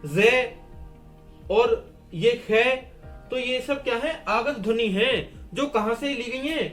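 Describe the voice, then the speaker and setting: A man's voice: high-pitched, a bit bright. A man teaching a Hindi grammar lesson at a board. He asks and answers his own questions and repeats key words. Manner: writes and erases on a board while explaining.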